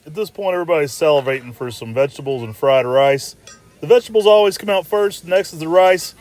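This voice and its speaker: Quick-talking man, casual food vlog voice-over. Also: a little high, darkish tone. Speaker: restaurant review vlogger.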